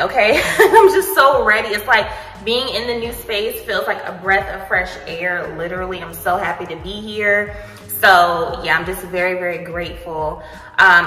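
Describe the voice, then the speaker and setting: Her voice mid-range and her manner animated, a young woman vlogs casually from an empty apartment, talking right to her viewers with plenty of "y'all" and "honey." She films the kitchen and bare rooms on a phone held in her hand as she walks. The recording echoes heavily, with long reverb from the empty rooms.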